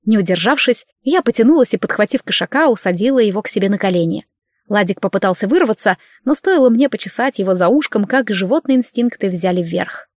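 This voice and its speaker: A woman narrating an audiobook in the first person, with lively, wry storytelling. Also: medium pitch, fast, dry recording, clean studio sound.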